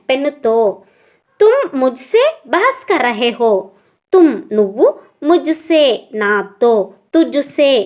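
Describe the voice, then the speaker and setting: A woman with a Telugu accent teaches a tutorial lesson in a high voice. Her pitch rises and falls in wide, lively sweeps. She works through each word slowly and repeats it with its translation. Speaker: language teacher.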